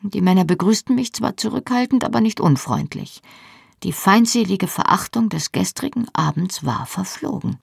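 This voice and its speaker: Gravelly, husky female audiobook narrator. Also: mid-range voice, expressive, normal speed, no room sound, studio quality. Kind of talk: scripted first-person novel narration.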